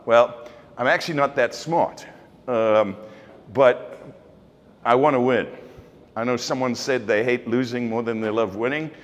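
A middle-aged South African keynote speaker talks a little slowly in a mid-range voice, often pausing. His casual talk is blunt and confident, heavy with fillers and restarts, and the large open office event space gives it a long reverb.

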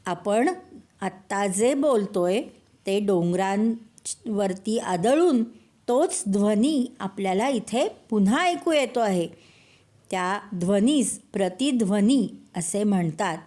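A woman voicing a calm, wise father who gently explains things to his son in a storybook tale. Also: medium pitch, slow pace. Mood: gentle explaining. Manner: soothing, explaining kindly.

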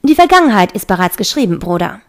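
A woman's voice: medium pitch, sing-song, fast talker, lightly acted. A woman reading the lines of a mocking male fallen angel in a fantasy audiobook.

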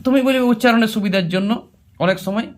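A man's voice: high-pitched, fairly quick. A man teaching an exam-prep Bengali grammar lesson, emphatic and repetitive, speaking directly to his students. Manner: emphatic, repeats key words, addresses students directly.

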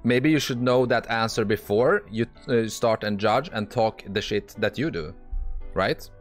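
Male poker streamer, lowish voice, talking through hands live; blunt, exasperated, curses freely, restarts sentences. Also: a little slow, faint music behind. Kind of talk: live-stream commentary while playing online poker.

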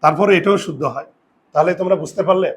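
A man teaching a Bengali grammar class, explaining step by step and asking students whether they follow. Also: high voice. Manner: drawn-out, emphatic pronunciation of example words. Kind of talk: classroom lesson.

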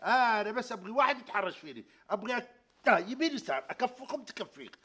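A man, his voice high and his speech rapid. As the comic lead of a sitcom he boasts and launches into rants. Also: a bit bright, slightly rough. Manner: boastful, quick to rant. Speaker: comedy lead. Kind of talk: sitcom acting.

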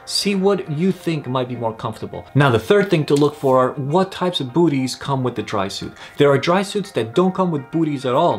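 A young man talks through gear tips in a relaxed instructional vlog, friendly and clear, at an ordinary middle pitch. He records in a small room at close range, with faint music under his voice. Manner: friendly, explanatory, gestures while talking. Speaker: kayaking channel host.

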